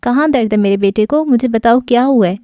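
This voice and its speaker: A tender, worried mother, read by a woman in a mellow, warm voice, soothing and pleading through tears. Recorded close and dry, as in an audiobook. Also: fairly high pitch, no echo, natural voice. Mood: tearful worry. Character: anxious, tender middle-aged mother.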